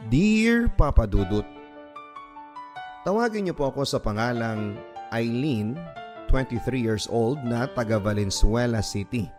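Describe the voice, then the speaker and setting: Over background music, a man with a Filipino accent narrates listener letters in dramatic first person for his radio story show. He speaks at a medium pitch with a somewhat dark tone.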